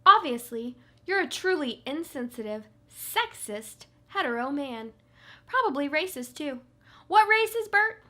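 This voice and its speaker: A woman's voice: high-pitched, expressive, unhurried, sharp tone, full character voice. A woman playing a self-righteous daytime TV judge in a comedy radio sketch, stern and scolding. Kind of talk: comic radio sketch acting.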